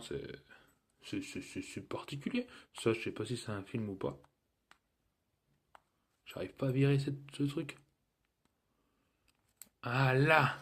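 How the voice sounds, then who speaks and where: Chatty husky man unboxing a gadget. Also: mid-range voice. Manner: chatty and joking, with many fillers. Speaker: tech reviewer. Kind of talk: casual unboxing review.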